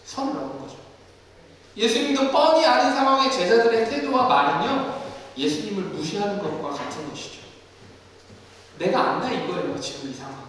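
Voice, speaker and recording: A male pastor preaching a sermon in an animated way, acting out scripture scenes in different voices, in a basement studio used for church services. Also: high-pitched, brisk, slight background noise. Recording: echoey hall from far off.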